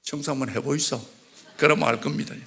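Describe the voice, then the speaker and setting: Fervent Gyeongsang church elder preaching. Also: male voice, on the high side, steady tone, quick pace, husky. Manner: fervent, swings from loud exclamations to hushed confession. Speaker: church elder giving testimony. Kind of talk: emotional testimony sermon.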